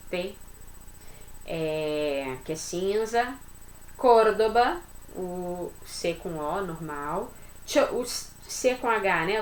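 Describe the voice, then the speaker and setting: A woman teaching a beginner language class, walking through each point patiently and checking in with her listeners. Her voice sits at an ordinary middle pitch. The recording has a clear roomy echo. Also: slight background noise. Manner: explains patiently, checks understanding with tag questions. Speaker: Spanish teacher. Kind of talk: online language lesson.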